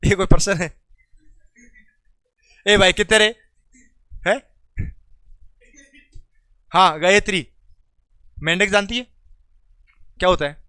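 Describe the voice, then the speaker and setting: A man teaching a class in Hindi with a Rajasthani accent, teasing and coaxing students by name, loud calls to the class and quieter explanations. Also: high-pitched, slow pace, long pauses, smooth, no echo. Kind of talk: classroom lesson.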